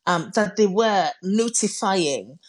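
A woman's voice: medium pitch, expressive, slow, slightly rough. A middle-aged woman speaking emphatically and with passion in a live radio interview. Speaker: interviewed campaigner, chief executive and professor.

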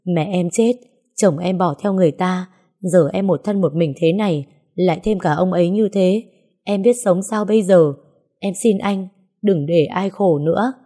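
A devoted young woman from an audio story, coaxing and pleading with stubborn persistence, as the woman narrating plays her. Her voice is low-pitched and soft-toned, with a mellow warmth. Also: normal speed. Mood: desperate pleading.

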